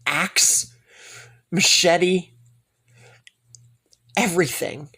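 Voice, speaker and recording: A young man tells a dramatic fan story at a slow, drawn-out pace. His voice has a gravelly, creaky edge, and he leans on repeated words for emphasis. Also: high voice, sharp tone. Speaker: fan-fiction narrator. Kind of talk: dramatic improvised story narration.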